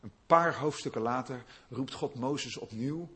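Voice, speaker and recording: A man preaching a sermon, building to loud emphatic peaks and dropping back to quiet asides. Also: unhurried, husky. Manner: lively, rising to loud emphatic peaks then dropping low.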